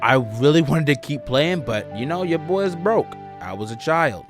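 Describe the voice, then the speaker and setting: A young man giving casual, joking tier-list commentary on video games, excitable and chatting straight to his viewers. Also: a little high, moderate pace, over music. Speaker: gaming YouTuber.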